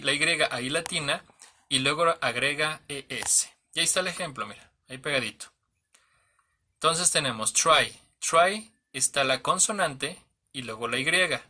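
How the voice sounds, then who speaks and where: Teaching an English grammar lesson in a fairly high, pushed and bright voice, a man spells out letters patiently. He keeps checking in with "¿sale?" and "¿ok?" and corrects himself as he goes.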